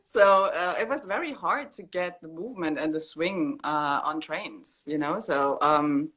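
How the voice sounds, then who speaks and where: A woman's voice: low voice, unhurried. A woman from East Germany, chatting candidly about her work in a video-call interview, with many fillers. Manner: relaxed, candid, with frequent fillers and laughs. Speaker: graffiti artist guest. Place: indoor room at home. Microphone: laptop webcam on a video call.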